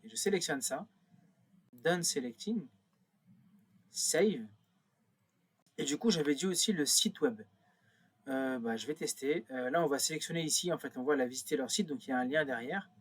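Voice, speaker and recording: A man talks through a screen-recorded tutorial in a slightly husky voice. He thinks aloud as he clicks, filling pauses and correcting himself as he goes. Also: mid-range voice. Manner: thinks aloud while clicking, many fillers and self-corrections. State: a bit nervous. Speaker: instructor.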